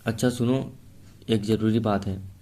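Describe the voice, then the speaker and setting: A man voicing a devoted young man who talks to his love in a soft, coaxing way. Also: on the low side, steady tone, measured pace, lightly acted. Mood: tender.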